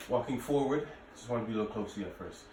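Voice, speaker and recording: Racing along with an animated, darkish medium-pitched voice, this late-30s man coaches a laid-back workout for the camera. He teaches martial arts and fitness, and the distant mic picks up room echo and faint noise.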